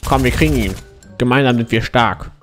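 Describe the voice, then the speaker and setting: Old war veteran grandpa played by a man, video game chat, fatherly, excitable, medium pitch, music behind. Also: a little fast, lightly acted. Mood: excited, urging. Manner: old-fashioned, fatherly endearments, excitable battle calls. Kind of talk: in-character prank chat while gaming.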